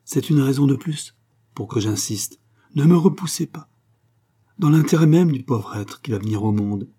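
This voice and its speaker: A man's voice: medium pitch, unhurried, mellow, husky, voice pushed up. A man doing a shy, devoted young clerk. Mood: tender. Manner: earnest, tender. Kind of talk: audiobook reading.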